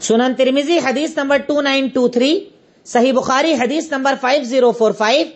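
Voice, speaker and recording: A woman with an Indian Urdu accent gives a religious lesson in a high voice. She goes step by step and says her references twice so they sink in. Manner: explains step by step, repeats references. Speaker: religious teacher. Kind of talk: Islamic lesson lecture.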